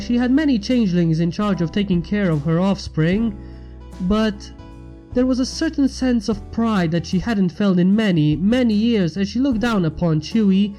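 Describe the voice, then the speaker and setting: A fan fiction reader narrates a scripted story in a mellow, relaxed, medium-pitched voice, with faint music playing behind her.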